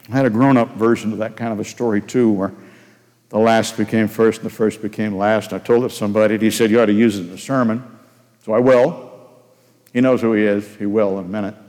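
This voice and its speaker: A man's voice: medium pitch, a little mellow. An older man preaching a sermon, folksy and anecdotal, telling personal stories and asking the congregation questions. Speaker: pastor. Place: church sanctuary. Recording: long hall reverb. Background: long hall reverb.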